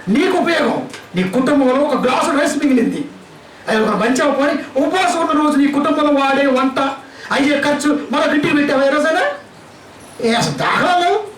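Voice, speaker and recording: A man's voice: very high-pitched, animated, moderate pace, a bit bright, reverberant, recorded from a distance, slight background noise, rough recording. A male pastor with a Telugu accent preaching a sermon, scolding his listeners with a string of rhetorical questions.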